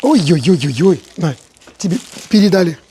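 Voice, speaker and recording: A woman's voice: on the low side, expressive, normal speed. Woman with an Odessa Russian accent, background noise. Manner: playfully bossy, affectionate, colloquial. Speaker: home cook in a family food video. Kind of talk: casual banter while cooking.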